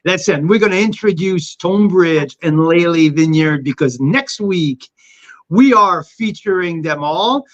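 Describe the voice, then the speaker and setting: An upbeat man with a fairly high voice talks over a dull, lo-fi video call. His voice keeps cutting in and out on the connection. He hosts a lively wine chat with eager enthusiasm. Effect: voice cutting in and out over online connection. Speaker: wine show host. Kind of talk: live-streamed casual chat.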